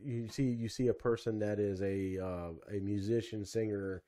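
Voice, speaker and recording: Mellow-voiced man, rambling and reflective. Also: fairly low pitch, steady tone, moderate pace. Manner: rambling, many fillers and restarts, reflective. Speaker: podcast co-host. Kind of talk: casual podcast chat.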